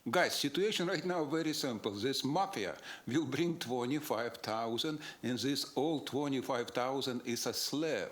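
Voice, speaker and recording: A man's voice: medium pitch, a little slow, hardly any pauses. A man gives a combative public comment in broken, English, throwing out rhetorical questions. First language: not English. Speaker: public commenter at a council meeting.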